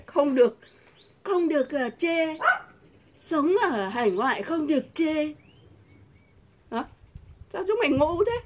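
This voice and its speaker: A woman's voice: high-pitched, background noise. A middle-aged woman, delivering a combative, insulting vlog rant full of rhetorical questions. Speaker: vlogger. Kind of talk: angry political rant to camera.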